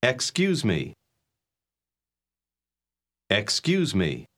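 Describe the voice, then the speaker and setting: A man modeling words for a pronunciation drill, saying each syllable in a slow, deliberate, exaggerated way. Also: fairly low pitch, wildly swooping pitch, a bit bright. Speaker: native English model speaker.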